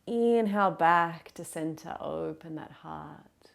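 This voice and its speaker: Gentle lower-voiced woman guiding yoga. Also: vocal fry. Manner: gentle, encouraging, unhurried cueing of breath and movement. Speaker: yoga teacher. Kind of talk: guided yoga class instruction.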